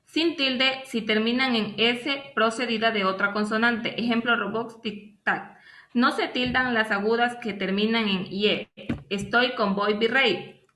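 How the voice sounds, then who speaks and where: A woman's voice: fairly high pitch, steady tone, measured pace, bright, forceful tone, echoey room. A woman student presenter reading a class presentation, listing examples one by one. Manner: reads definitions and lists examples one by one.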